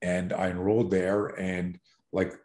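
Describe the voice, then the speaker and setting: A man's voice: deep voice, completely flat delivery, unhurried, darkish tone. A middle-aged man telling a story as a podcast guest, acting out voices and sounds and laughing often. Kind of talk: animated storytelling in a podcast interview.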